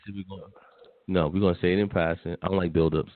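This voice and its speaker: A man's voice: sits low, steady tone, rapid-fire. Blunt man on a tinny phone line. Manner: blunt, dismissive, repeats himself. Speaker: podcast co-host. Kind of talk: casual opinion chat.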